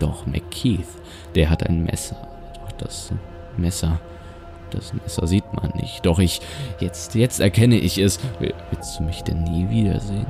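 A man's voice: on the low side, creaky. A man voicing a frail, paranoid old grandfather in a nursing home, stammering and repeating his words, over music. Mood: bitter.

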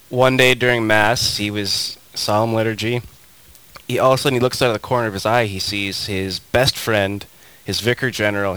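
A man's voice: on the low side, low-quality recording. A man on a radio show as a guest, telling stories with energy and acting out the quotes, in a studio. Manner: lively storyteller who acts out quotes. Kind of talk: animated storytelling on talk radio.

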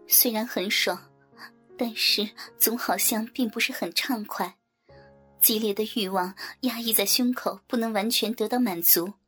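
A woman narrating a story in a soft, breathy, half-whispered voice. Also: mid-range voice, measured pace, soft background music. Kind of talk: whispered erotic story reading.

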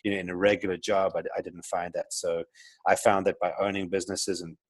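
A deep-voiced middle-aged man with a South African accent, an entrepreneur guesting on a podcast, speaks fairly quickly with a flat delivery. He talks reflectively in a casual interview, stumbling through restarts and fillers, with no room sound.

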